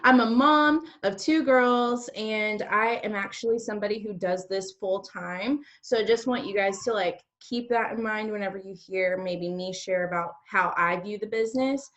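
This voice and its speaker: A woman in her early thirties, a direct-sales team leader co-hosting a training, gives an informal motivational talk to an online group. She's chatty and sprinkles "like" throughout, speaking at a moderate pace with few pauses in a medium-pitched, fairly bright voice. The audio is dull.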